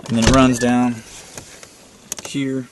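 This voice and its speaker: Sitting in his car with a handheld camera, a video maker rambles casually through his setup, plain-spoken and full of "uh" fillers. His mid-range voice is flat and slow, with noise in the background.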